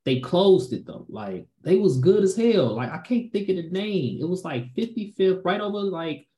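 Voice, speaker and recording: A man hosts a relaxed conversation about food. He talks in an easygoing, slangy way, steering the chat with questions. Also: sits high, moderate pace. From Chicago south suburbs. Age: 30s. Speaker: podcast host. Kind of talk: casual chat.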